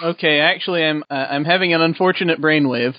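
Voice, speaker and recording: A man's voice: on the high side, quick pace, no room sound. A man hosting a podcast, leading the discussion in a playful, casual way and laughing often. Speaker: podcast host. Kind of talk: casual chat. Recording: dry, dull lo-fi sound.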